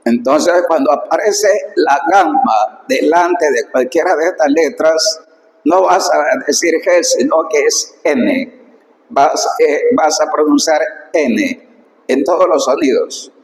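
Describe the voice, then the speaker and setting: In a recorded lesson explaining slides, a Biblical Greek teacher with a fairly high voice goes slowly and patiently, repeating each sound and word and stressing key points. The echoey room leaves a long reverb tail.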